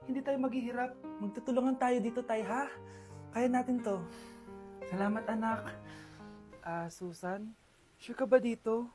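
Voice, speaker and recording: High-pitched woman acting out skits. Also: moderate pace, pauses often. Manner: switches between many characters in short sketches. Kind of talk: comedy skits playing many roles. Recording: faint music underneath.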